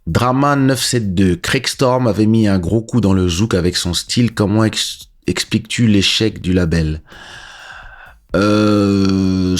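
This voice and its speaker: A man from Congo, raised in France, hosting a relaxed livestream and answering viewer questions in an unhurried way. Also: sits low. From Congo, raised in France from age seven. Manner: relaxed and unhurried, pauses with filler sounds. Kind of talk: casual livestream chat reading viewer questions. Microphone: dynamic podcast-style microphone.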